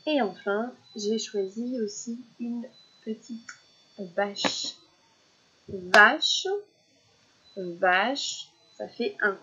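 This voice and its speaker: Slow, patient woman teaching children. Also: a little high, steady tone, dull audio, a little hiss or hum. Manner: patient, repeats syllables slowly and clearly.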